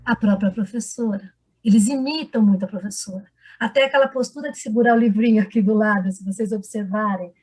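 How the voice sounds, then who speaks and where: Over a video call microphone, a teacher trainer leads an online seminar, encouraging the group and repeatedly asking them questions. Her mid-range voice is husky, darkish, and fairly quick.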